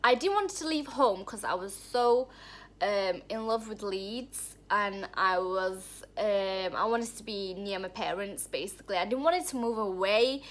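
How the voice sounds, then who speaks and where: A vlogger from Thailand, Thai being her first language, tells her personal story to the camera from a room in her home. Her medium-pitched, slightly bright voice moves a little slowly as she speaks candidly and warmly, rambling and restarting her sentences.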